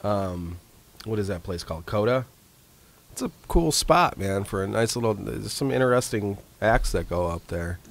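Man, low voice, halting speech, many restarts, relaxed podcast talk. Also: vocal fry. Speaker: local musician co-host. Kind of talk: casual podcast chat.

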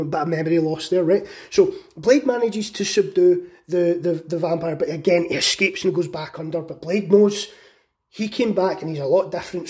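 A man casually pitching a film idea, excited and profane, with lots of fillers. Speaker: channel host.

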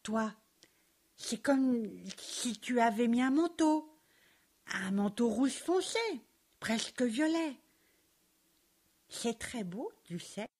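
A woman doing Joligrain, a bright curious little grape. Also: a little high, lively intonation, slow pace, pauses often. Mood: gentle. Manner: wide-eyed, playful, joking.

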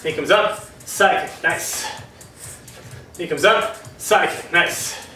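A man coaching a home kickboxing workout, energetic and encouraging, calling out moves while out of breath. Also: high voice, slow. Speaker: fitness instructor. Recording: echoey room from far off, music behind.

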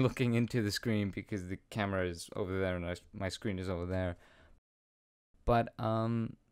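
An eighteen-year-old Icelandic man with a lowish, clean-toned voice answers viewer questions in a casual Q&A chat, rambling with plenty of ums and self-deprecating laughs. He's indoors in a small home room, wearing headphones and speaking into a studio condenser mic with a pop filter, and the recording is dry.

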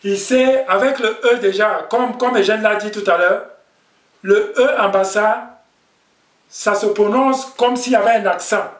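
A man's voice: sits high, a little slow. A man teaching a language class, patient, repeating each word and checking in with "ok?". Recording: echoey room, distant mic.

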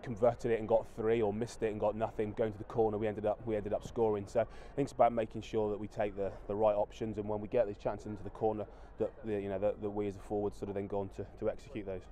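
Rugby coach, 30s, man; low dark voice, quick and flat, full of restarts, interviewed pitchside outdoors. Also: a little hiss or hum. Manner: halting, many restarts and fillers. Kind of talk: post-match interview. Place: outdoors at a floodlit rugby ground at night.

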